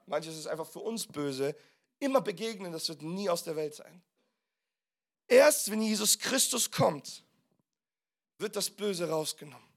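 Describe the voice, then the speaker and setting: A man preaching a sermon as pastor, asking the congregation questions and stressing key words loudly. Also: sits high, gravelly. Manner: preaching with sudden loud emphasis and rhetorical questions.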